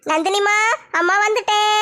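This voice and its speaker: A woman's voice: extremely high pitch, steady tone, moderate pace, sharp tone. A woman voicing a fierce, hot-tempered middle-aged mother who scolds and threatens. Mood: fiery.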